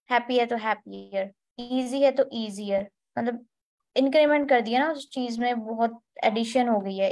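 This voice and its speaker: Woman, high voice, patient step-by-step English tutor on an online class. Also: darkish tone. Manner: explains step by step, spells out letters, mixes in English terms. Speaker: English teacher.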